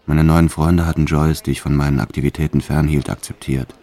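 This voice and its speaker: In a rumbling low voice that's mellow, fairly quick and barely shifts in pitch, an actor plays a hardened, reckless French bank robber. He narrates his story in the first person for a radio drama, coldly matter-of-fact, hard and boastful.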